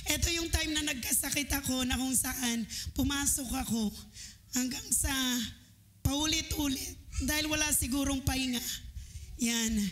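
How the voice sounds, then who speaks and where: A woman preaching a sermon at a church service, sharing a personal testimony in an animated way, often laughing and sometimes breaking into shouts. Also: high-pitched, unhurried, slight background noise.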